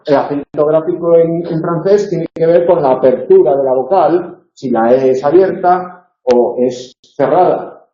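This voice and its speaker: Man, university tutor, dark mellow voice, explanatory lecture style, echoey lo-fi room recording. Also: fairly high pitch. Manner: explanatory, asks for agreement. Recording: echoey room, dull lo-fi sound.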